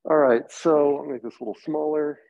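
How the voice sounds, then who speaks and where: Male university lecturer, higher-pitched, speaking through a face mask with a cold; informal, halting delivery, slightly muffled sound. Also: fairly even intonation, vocal fry, no room sound. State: getting over a cold. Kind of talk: informal lecture introducing a course. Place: lecture classroom. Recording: slightly dull, muffled classroom recording.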